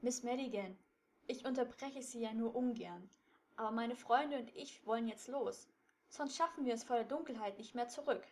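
A woman's voice: fairly high pitch, moderate pace, close to an everyday voice. A woman voicing a clever teenage boy detective who explains firmly and a little impatiently. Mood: hurried. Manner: firm, explaining, slightly impatient.

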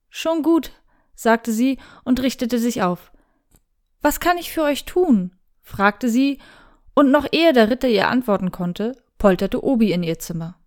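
A woman narrating a story aloud in a steady, even storytelling way. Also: a little high. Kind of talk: reading fan fiction aloud.

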